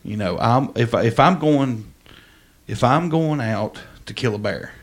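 A man's voice: medium pitch, expressive, unhurried. A man co-hosting a podcast in casual, jokey, mock-serious banter. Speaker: podcast co-host.

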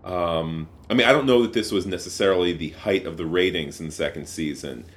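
A man co-hosting a podcast, talking in a thoughtful, halting way with frequent fillers and restarts. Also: low-pitched. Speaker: podcast co-host. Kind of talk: casual podcast discussion.

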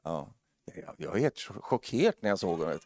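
A man preaching a lively sermon, joking with the congregation and building to loud, emphatic preaching. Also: low-pitched, no room sound.

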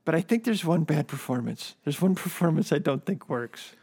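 A man's voice: fairly high pitch, lively intonation, moderate pace, darkish tone, slightly rough. A man co-hosting a casual film podcast, opinionated, laughing often and searching for names with fillers. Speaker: podcast co-host. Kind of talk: casual film-discussion chat.

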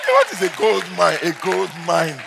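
A man preaching as a pastor, telling stories and moving from quiet asides to shouted declarations. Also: sits high, wildly swooping pitch, moderate pace, creaky, big-room sound, crowd noise, noisy background. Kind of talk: sermon.

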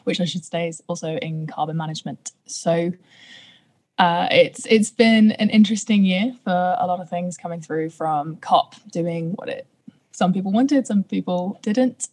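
Young woman, lowish casual voice. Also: normal speed, a little mellow. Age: young adult. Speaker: young ambassador guest. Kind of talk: casual podcast talk.

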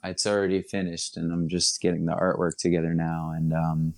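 Laid-back New man, low voice. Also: monotone. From Long Island, New York. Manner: rambling, laid-back, self-correcting with quick laughs. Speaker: musician guest. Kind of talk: casual interview chat.

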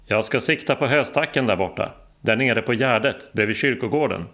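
A man voicing a brash, bearded male skydiving instructor who shouts over the wind. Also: lowish voice, expressive, creaky. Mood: shouting. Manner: shouting, boisterous.

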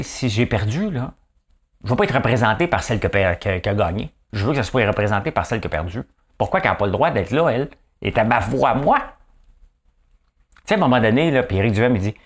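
In a voice on the low side, a Quebecois-accented man rambles through an animated comedy bit full of filler words and repetition.

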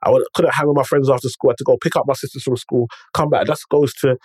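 A man's voice: medium pitch, steady tone, fast talker, darkish tone, slightly rough, dry recording, studio quality. Emphatic London man with urban slang. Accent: London, urban multicultural slang. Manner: emphatic, repeats phrases, frequent rhetorical check-ins. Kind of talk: motivational conversational storytelling.

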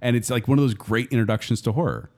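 A man's voice: mid-range voice, fast talker, darkish tone. A middle-aged man co-hosting a casual pop-culture chat in an emphatic, exclaiming way. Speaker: podcast co-host.

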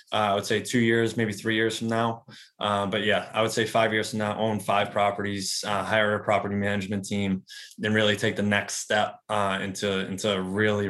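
Man in his thirties, slightly low voice. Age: 30s. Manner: relaxed, rambling, many fillers and restarts. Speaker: real estate agent and investor, guest. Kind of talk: casual conversational interview.

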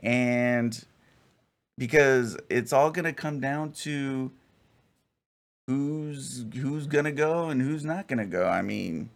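Gravelly guy, late 30s, rambling casual chat, lots of restarts. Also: medium pitch, slow pace. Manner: hesitant, rambling, many restarts.

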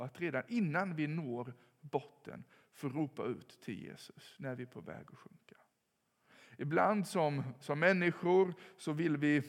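A man giving a sermon in a calm, reflective way, with pauses and rising emphasis. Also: mid-range voice, creaky. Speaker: preacher. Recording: long hall reverb.

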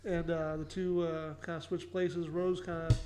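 Casual man recapping with flat intonation. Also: on the high side, moderate pace, soft background music. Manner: summarizes plot with many fillers and "kinda". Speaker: podcast host recapping a sitcom episode. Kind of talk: casual chat.

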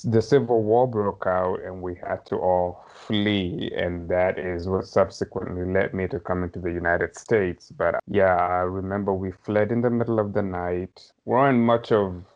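A Somali man in his thirties, appearing as a podcast guest, thoughtfully recounts his childhood in a low, flat, unhurried voice, hedging often and laughing lightly. The lo-fi audio sounds slightly dull.

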